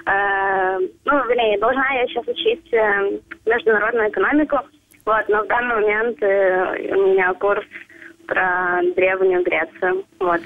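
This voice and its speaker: A woman's voice: mid-range voice, big pitch swings, unhurried, gravelly. A young woman with a Belarusian accent, chatting casually and playfully as a phone guest on a radio show. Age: young adult. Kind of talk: casual chat. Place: on a phone call. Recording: thin narrowband telephone line.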